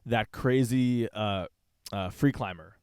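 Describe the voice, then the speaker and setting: A man's voice: lowish voice, slow, a little mellow, clear, resonant tone, no room sound. Eager young man, dry close sound. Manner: enthusiastic storyteller, repeats himself. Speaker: podcast co-host. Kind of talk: casual chat.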